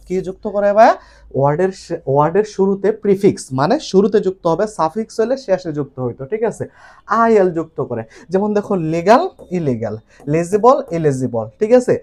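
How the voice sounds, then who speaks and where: A male English teacher lecturing a class, running through word pairs in quick lists and often checking in with his students. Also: fairly high pitch, darkish tone.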